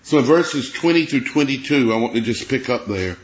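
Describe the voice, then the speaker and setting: An earnest man preaches a sermon, walking his listeners through scripture and reading verses aloud. His voice has a middle pitch and rings in a roomy space. The sound is slightly dull. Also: lively intonation, brisk.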